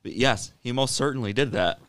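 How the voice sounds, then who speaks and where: A man co-hosting a casual sports chat, telling stories with a wry, animated edge. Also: mid-range voice, brisk, no room sound. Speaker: podcast co-host.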